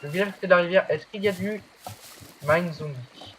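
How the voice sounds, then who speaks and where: Man, casual gaming chat, joking and rambling, slightly high voice, faint hiss behind. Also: moderate pace, a bit bright. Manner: jokey, rambling with fillers. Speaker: gamer.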